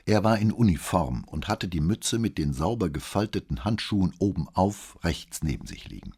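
A man narrating an audiobook in a scripted, expressive reading. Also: deep voice, moderate pace, creaky, breathy edge.

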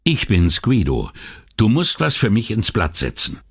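A man's voice: on the low side, wildly swooping pitch, measured pace, slightly rough, pitched above the performer's own voice, heavily acted. A man voicing a tired, earnest middle-aged police detective in an audiobook. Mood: urgent.

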